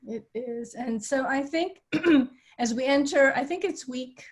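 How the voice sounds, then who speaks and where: A woman's voice: high-pitched, slow pace. A middle-aged woman who grew up in Vietnam, speaking as a psychiatrist in a webinar, talking conversationally over a video call and explaining with everyday analogies. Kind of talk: webinar talk.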